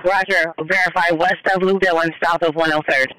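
Brisk, bright dispatcher, terse radio updates. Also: mid-range voice, level tone, smooth, no room sound, low-quality recording. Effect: police radio transmission. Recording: police scanner radio audio.

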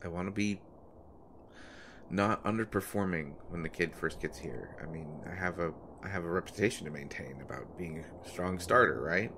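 A deep-voiced man speaking at normal speed plays the anxious, devoted boyfriend of a pregnant woman in an intimate roleplay audio, stammering hesitantly. His mood is earnest and teasing, and there's noticeable background noise.

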